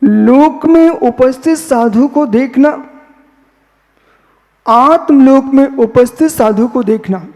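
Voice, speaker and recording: A man, a Jain monk, giving a philosophical sermon, posing questions and answering them himself, repeating phrases slowly. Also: very high voice, a little mellow, long reverb tail.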